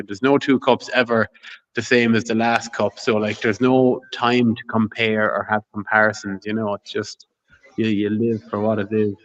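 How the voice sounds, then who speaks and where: A man's voice: mid-range voice, a bit bright, lo-fi sound. A man talking casually as a guest on a live stream, rambling and often asking "you know what I mean". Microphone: video call.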